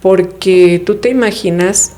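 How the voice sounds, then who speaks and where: A woman's voice: mid-range voice, takes it slowly, warm tone. A woman, a guest in an interview, explaining family dynamics in a reflective way, often posing rhetorical questions. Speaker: guest speaking on family therapy. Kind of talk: conversational interview.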